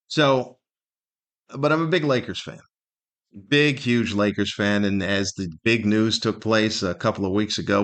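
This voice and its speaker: Hosting his own podcast alone, this Southern California man in his 50s or older has a lowish, fairly bright voice and an American accent. His talk is relaxed, meandering and self-deprecating.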